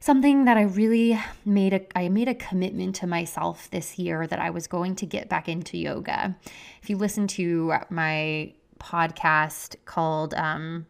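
Gravelly woman podcasting muffled under a blanket. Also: lowish voice, fairly even intonation, unhurried. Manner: upbeat and gushing, with many "like" fillers. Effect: muffled, recorded under a blanket. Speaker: podcast host and health coach. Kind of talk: casual solo podcast monologue. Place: living room at home. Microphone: podcast mic under a blanket.

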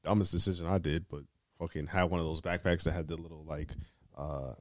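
Man, deep voice, very dry sound, casual host, slangy, rambling, sweary. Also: fairly even intonation, fairly quick, darkish tone, no room sound. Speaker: podcast host. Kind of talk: casual chat.

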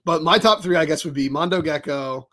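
A man's voice: fairly high pitch, brisk, pushed and bright. A man co-hosting a fan podcast, talking casually and animatedly, rambling and swearing now and then. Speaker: podcast co-host. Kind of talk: casual chat.

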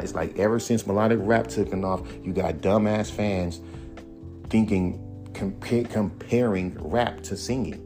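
A podcast host delivers a blunt, profane, casual monologue in a fairly low voice he himself calls monotone. He rants with animated swings of emphasis, and music plays clearly behind him.

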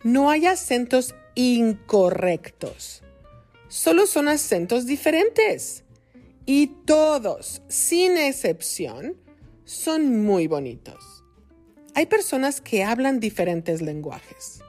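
Slow, lively Mexican woman teaching. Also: a little high, faint music behind. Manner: speaks slowly and carefully, enunciating for learners. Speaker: podcast host and Spanish teacher. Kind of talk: slow, clear teaching podcast for learners.

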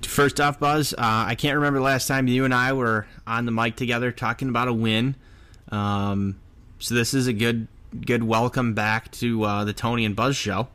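A man's voice: mid-range voice, steady tone, moderate pace, fairly bright tone, clean tone. A man co-hosting a sports podcast, giving casual, chatty and earnest fan commentary.

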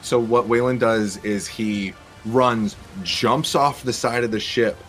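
A man's voice: mid-range voice, fairly even intonation, takes it slowly, a bit bright, soft background music. A man playing a tabletop game, eagerly asking about the rules and describing his moves. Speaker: player. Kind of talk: casual tabletop play.

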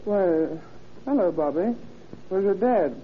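A woman's voice: lowish voice, expressive, slow pace, slight background noise. A woman playing a hard-boiled, short-tempered crook's accomplice in a 1930s-style radio drama, slangy and snide. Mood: guarded. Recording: muffled old radio recording.

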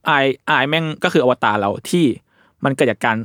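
A man's voice: mid-range voice, lively intonation, fairly quick, fairly bright tone, no echo. Thai man explaining at length, dry sound. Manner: explains at length with fillers and casual swearing. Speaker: podcast host. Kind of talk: casual discussion podcast.

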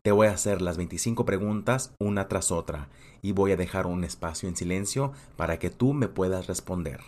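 A man teaching interview questions, repeating each English question slowly before explaining it, then playing the interviewing officer. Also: low-pitched, darkish tone, slight background noise. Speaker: language teacher. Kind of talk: bilingual lesson, role-playing an interview officer.

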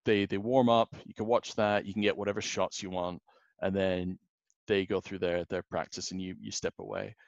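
A man's voice: low-pitched, little pitch movement, normal speed, no echo, dull audio. A man, rambling through a casual podcast anecdote with many fillers. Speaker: podcast guest.

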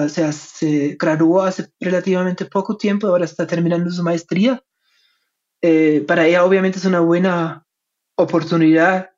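A man from Germany with a German accent in his non-native Spanish, giving reflective, halting answers in an interview. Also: sits high, darkish tone. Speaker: interviewed academic researcher and author. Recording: dull, lo-fi sound.

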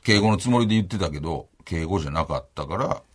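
A man's voice: low-pitched, animated. A man with a Kansai accent, co-hosting a podcast, chatting casually and reading out listener letters. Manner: reads listener letters, quick banter. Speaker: podcast co-host. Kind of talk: casual chat.

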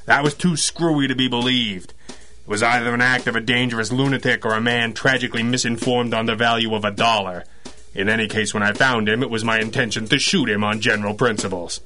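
An actor playing a gruff, sardonic police lieutenant in old-time radio style, a wry, hard-boiled 1930s beat cop full of slang. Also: male voice, medium pitch, fairly even intonation, a little fast, pushed and bright, natural voice. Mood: wry narration. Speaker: police homicide lieutenant in a detective radio drama.

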